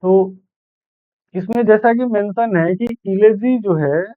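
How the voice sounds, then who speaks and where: A man's voice: high-pitched, slow, no echo. A man teaching an exam-prep literature lecture, repeating key points and correcting himself as he goes. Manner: explains in Hindi mixed with English terms, repeats points, self-corrects. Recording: dry, phone-like tinny sound.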